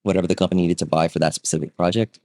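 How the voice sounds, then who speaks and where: A man with a deep, low voice tells his story in an easy, chatty way, full of small fillers and quick check-ins with the listener. He sounds close to the mic in a dry room. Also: no room sound. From Vietnam. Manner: relaxed, conversational, frequent fillers and rhetorical "right?". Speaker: guest, real estate agent. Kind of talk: casual interview storytelling.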